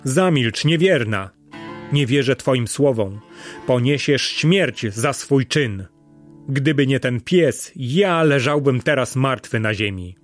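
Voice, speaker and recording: A man's voice: mid-range voice, expressive, takes it slowly, soft background music. A man playing an aging male shah who speaks in a stern, imperious way. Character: aging shah, proud and quick to anger.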